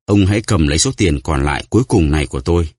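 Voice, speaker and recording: A man voicing a terrified, starving greedy prisoner who pleads and stammers, in a husky voice. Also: rumbling low, animated, fast talker, darkish tone, dry recording, clean studio sound, exaggerated voice. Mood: pleading.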